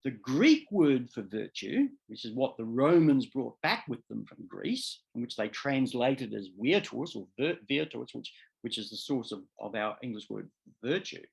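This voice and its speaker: Male professor, middle-aged, seminar lecture; unhurried and deliberate, emphatic, restates himself mid-sentence. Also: medium pitch, very animated, gravelly. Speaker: law professor.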